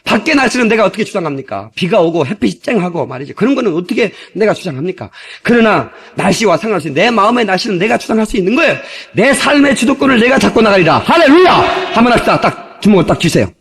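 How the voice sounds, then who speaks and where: A middle-aged male pastor preaching an animated, jokey sermon with shouted hallelujahs, from an old tape. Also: high voice, racing, hardly any pauses, husky. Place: church sanctuary.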